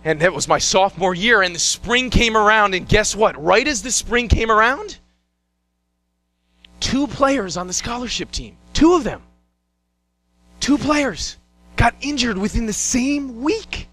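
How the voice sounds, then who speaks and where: A young man performing a one-man show, telling a story in an animated way and acting out scenes and voices. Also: measured pace. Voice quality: bright, high-pitched voice. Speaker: solo stage performer.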